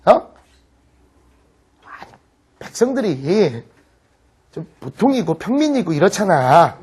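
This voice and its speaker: A man teaching English vocabulary in a lively, joking lecture to students, with a Korean accent. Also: high voice, slow, breathy edge. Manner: joking, lively, talks straight to the class.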